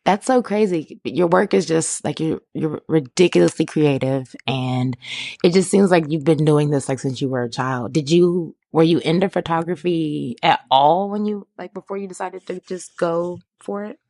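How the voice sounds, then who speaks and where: A woman's voice: low voice, moderate pace, gravelly, mellow. A woman hosting a podcast, gushing with enthusiasm as she opens the show and asks a guest questions. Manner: gushing, enthusiastic, fond of words like crazy and wild. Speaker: podcast host. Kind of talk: podcast intro and interview.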